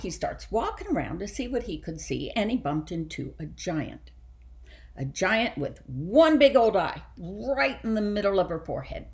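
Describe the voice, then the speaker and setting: Animated woman telling a children's story. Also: fairly low pitch. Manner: animated, asks children questions. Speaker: children's librarian. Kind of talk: storytime read-aloud.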